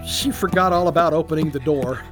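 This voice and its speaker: A storyteller reading a Bible story aloud for children in an expressive, animated way. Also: medium pitch, fairly quick, over music.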